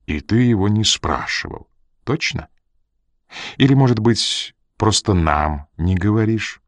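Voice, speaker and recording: A man reading as a menacing, hot-tempered man with a deep voice. He accuses and threatens in explosive bursts. The voice is dry and close, like a storybook reading. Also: lively intonation, a little slow, dry recording. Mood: suspicious. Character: volatile, menacing Polish man, quick to rage.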